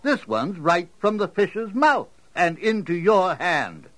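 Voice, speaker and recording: A man's voice: sits high, sing-song, slow pace, fairly bright tone, no echo, exaggerated voice. An actor playing a plain-spoken, good-natured fisherman disciple in a Bible audio drama, hearty in manner. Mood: confident.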